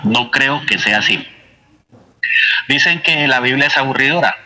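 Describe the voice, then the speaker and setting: A man's voice: mid-range voice, expressive, moderate pace, pushed and bright, poor audio. A man with a Colombian accent giving an earnest personal faith testimony, voicing his own past thoughts as he tells the story. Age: adult, with a son. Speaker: church member giving testimony.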